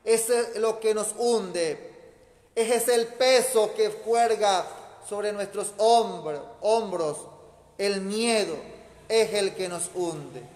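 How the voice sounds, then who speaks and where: A man's voice: sits high, takes it slowly, darkish tone. Male priest, emphatic homily, long church reverb. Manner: emphatic, repeats key phrases. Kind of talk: homily at mass.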